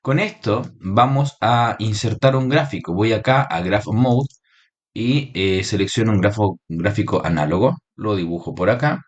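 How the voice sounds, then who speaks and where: A man with a fairly low voice walks through a screen-recorded software tutorial, patient and methodical. He keeps checking in with his listeners through short questions as he explains each step. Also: lively intonation, normal speed, muffled recording. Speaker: electronics teacher.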